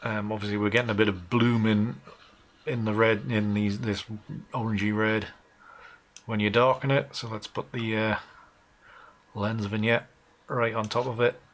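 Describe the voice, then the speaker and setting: A man with a Northumbrian English accent thinks aloud informally as he hosts a casual live photo-editing tutorial. His voice is on the low side with a fairly bright tone, and keyboard and mouse clicks sound clearly in the background.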